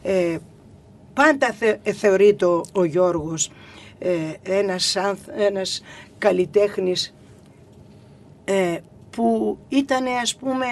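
Older woman, radio interview guest; hesitant, halting storyteller with filler sounds. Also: medium pitch. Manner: hesitant, many fillers, acts out quoted voices in a hushed whisper.

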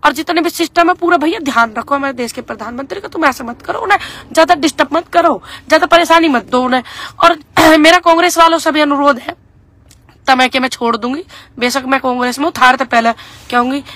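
A woman's voice: high voice, quick pace, a bit bright, no room sound. A young woman talking casually to her followers in folksy village speech. She mixes sarcastic mockery with mock-earnest pleas. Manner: sarcastic, mocking and pleading by turns; folksy, rural turns of speech. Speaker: political vlogger. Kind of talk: casual political commentary to followers.

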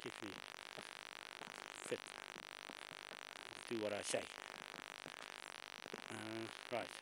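An older man, out of breath and chatting as he films a walk down a bush stairway, often clearing his throat. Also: medium pitch. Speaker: vlogger filming a walk. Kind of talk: casual walking commentary. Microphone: handheld camera mic. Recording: loud hissy camcorder audio.

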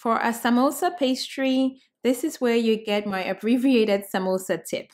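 With a fairly high voice at a normal speed, a Cameroonian woman in her thirties runs an upbeat cooking tutorial. She addresses viewers directly and chattily from a bright home setting.

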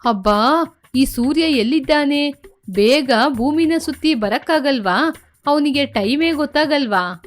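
A woman's voice: high voice, lively intonation, unhurried, soft background music. A woman voicing a noodle-obsessed, silly young daughter-in-law who whines and complains. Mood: whining. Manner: whiny, complaining.

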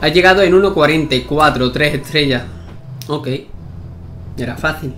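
A man's voice: fairly high pitch, normal speed, a bit bright, slight background noise. A man with a Spain Spanish accent, giving casual gameplay commentary with swearing and chatty asides. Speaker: gaming YouTuber.

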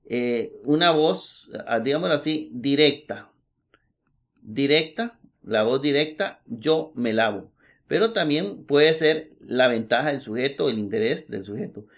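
A middle-aged man teaching Greek grammar in a recorded class, explaining slowly and repeating examples with many hesitations. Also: fairly high pitch, fairly bright tone. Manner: slow, patient, repeats examples with many "eh" fillers.

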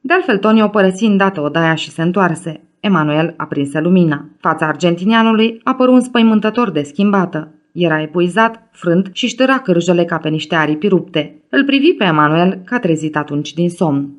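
A woman narrating a literary audiobook in a measured, even reading. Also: on the low side.

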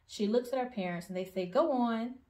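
A woman emergency room physician telling a heartwarming story from her work in calm storytime narration. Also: mid-range voice, fast talker.

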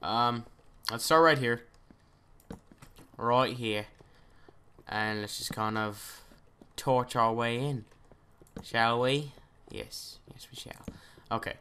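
Bright-voiced man narrating his gameplay. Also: medium pitch, slight background noise. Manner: chatty, thinks aloud, trails off into mutters. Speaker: gaming video host. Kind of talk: let's play commentary.

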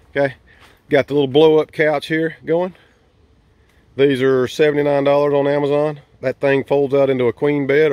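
A man's voice: mid-range voice, dry recording. A man giving a casual, folksy walkthrough of his campsite and tent, filmed on a handheld camera as he walks. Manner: easygoing, folksy, hesitant with fillers. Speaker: vlogger giving a campsite tour. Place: campsite outdoors and inside a large tent. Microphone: handheld camera mic, filming himself walking.

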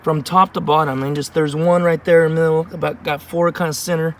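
A man in his thirties talks through his results in a plain, matter-of-fact way, his voice sitting a little high. He stands on an open-air range with the camera set back from him, and faint outdoor noise runs underneath. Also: little pitch movement, brisk, fairly bright tone. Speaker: channel host. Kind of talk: casual outdoor gear review. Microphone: camera mic at a distance.

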